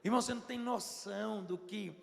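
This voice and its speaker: A man with a Minas Gerais accent preaches in a church, his voice high and gravelly. He tells the story in an animated way, acting out the quotes as he goes. The sound rings in the long reverb of the church hall. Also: fairly quick. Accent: Brazilian Portuguese, Minas Gerais. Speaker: pastor. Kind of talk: sermon.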